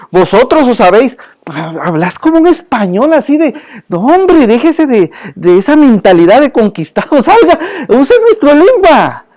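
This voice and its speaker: Animated man teaching Bible class. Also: high voice. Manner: animated, joking, questions the class and calls them brother. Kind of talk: church Bible class lecture. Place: church classroom.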